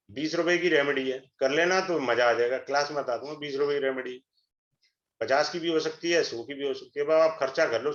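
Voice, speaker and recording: A middle-aged man giving an astrology webinar, a persuasive, salesy pitch that mixes Hindi and English. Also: fairly bright tone. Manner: switches between Hindi and English. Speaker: astrology teacher. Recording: echoey room, dull lo-fi sound.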